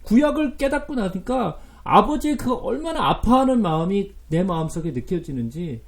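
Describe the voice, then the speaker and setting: A man's voice: sits high, sing-song, moderate pace, creaky. A man teaching the Bible in a sermon style, earnest and emotional, often turning to the listeners with questions.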